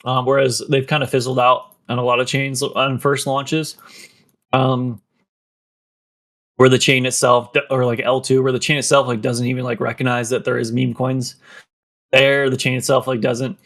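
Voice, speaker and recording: A fairly bright, mid-range male voice rambles through a casual podcast. His speech is thick with "like" and "um," and he seems a little winded.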